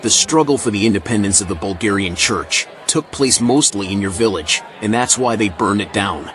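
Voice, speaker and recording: A man's voice: lowish voice, moderate pace, fairly bright tone, a little hiss or hum, close to an everyday voice. A man voicing a heckler in parliament who challenges the speaker with short interjections. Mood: challenging.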